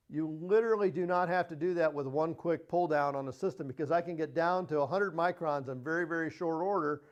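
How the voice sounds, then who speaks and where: A man's voice: sits high, highs cut off. A man giving a technical HVAC training presentation in a plain-spoken way, repeating his key points.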